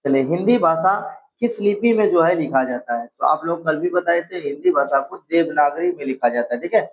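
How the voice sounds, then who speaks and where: A man's voice: on the high side, expressive, moderate pace. A man teaching a casual exam-prep grammar lesson, asking each question and repeating the answer back to drill his students. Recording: slightly dull lo-fi sound.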